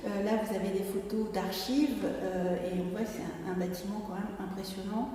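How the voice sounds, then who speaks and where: Mellow woman presenting in an echoey church. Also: medium pitch, steady tone, normal speed. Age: middle-aged. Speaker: acoustics researcher, speaker. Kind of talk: informal conference presentation. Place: inside a church. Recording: very echoey church, distant mic, faint noise.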